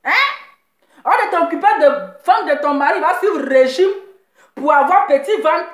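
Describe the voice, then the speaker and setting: A woman's voice: sits high, normal speed, roomy sound. A woman hosting a live show, teasing and mocking in a sing-song voice, repeating her phrases.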